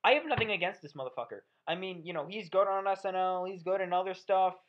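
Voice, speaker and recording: A woman's voice: on the low side, fast, a little hiss or hum. Woman vlogger doing a profane sarcastic movie rant, kinda muffled lo-fi audio. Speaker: movie reviewer. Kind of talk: ranting movie review. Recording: dull lo-fi audio.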